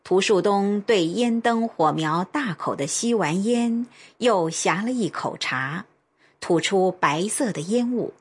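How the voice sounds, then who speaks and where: A woman narrating a radio drama in a measured, expressive way. Her husky voice moves through lively pitch, and she reads slowly. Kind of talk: scripted storytelling narration.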